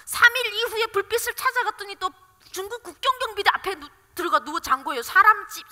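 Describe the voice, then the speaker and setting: A middle-aged woman from gives an impassioned church testimony as a deaconess, swinging from hushed to loud. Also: very high voice. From North Korea. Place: church sanctuary. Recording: reverberant church sanctuary.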